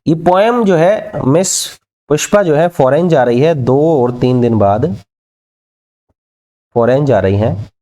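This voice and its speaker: A man giving an exam-prep literature lecture, mixing Hindi with English, asking and answering his own questions and dictating English lines slowly. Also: a little high, lively intonation, warm tone.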